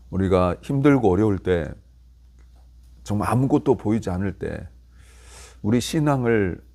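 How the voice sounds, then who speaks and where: Male pastor, low husky voice, lively pitch swings, expository morning sermon. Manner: explanatory, rising emphatically when paraphrasing Job.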